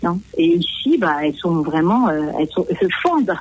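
Middle-aged woman from France, casual chat, husky tone, hesitant with lots of fillers. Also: fairly low pitch, sing-song, brisk, poor audio. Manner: chatty, hesitant, frequent fillers and restarts. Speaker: French woman living in New Zealand. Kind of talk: casual conversation.

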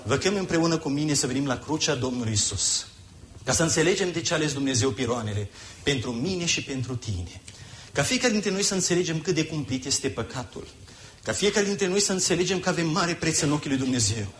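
A man's voice: a little high, animated, a bit bright, a little hiss or hum. A man preaching a sermon in an impassioned, emphatic way, repeating phrases for effect.

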